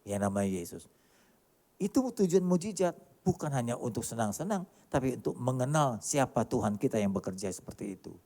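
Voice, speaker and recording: A male pastor preaching a sermon emphatically, with many rhetorical questions and sharp swings between loud and quiet delivery. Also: mid-range voice, very animated, a little fast. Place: large church hall. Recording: church hall reverb.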